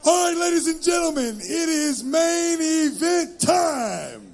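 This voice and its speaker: A man working as ring announcer, calling the fighters into the ring with a booming, drawn-out delivery in a music venue. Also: very animated, gravelly, darkish tone, raised voice. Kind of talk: boxing ring introductions.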